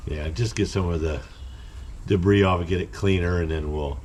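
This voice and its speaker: A man's voice: deep voice, moderate pace, darkish tone, slight background noise. A man casually talking through his work on an old car in his home garage, rambling and plain-spoken with many fillers and restarts. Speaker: hobby mechanic and channel host. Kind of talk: casual narration while working on a car.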